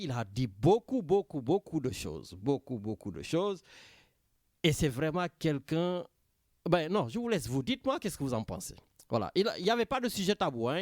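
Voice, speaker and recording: A man with a Senegalese French accent hosts a talk radio show in a studio, speaking into a studio microphone in a fairly high voice with no room sound. He talks animatedly and frequently addresses his co-host by name.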